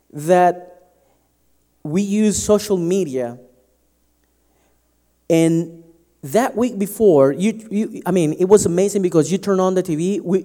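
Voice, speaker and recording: A Latin American man preaches a sermon in a high-pitched voice with a dark tone. He is emphatic, often restarting his sentences and stumbling over words.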